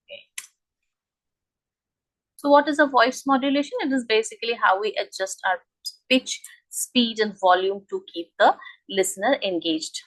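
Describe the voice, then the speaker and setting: This woman is an English speaking coach giving a lesson, explaining haltingly and demonstratively while stressing key terms. Her voice sits on the high side and sounds a bit bright, though the recording is rough.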